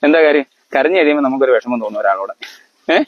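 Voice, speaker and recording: A man's voice: medium pitch, lively intonation, muffled recording. A man explaining things to his family in a lecture-like way, often stopping to ask if they understand. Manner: quizzes listeners, keeps asking if they understand; halting, with fillers and restarts.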